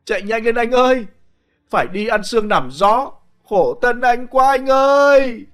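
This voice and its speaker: A man's voice: sits high, sing-song, brisk, faint music behind. A man voicing a desperate young village wife who is sobbing, wailing and pleading in a strained, raised voice.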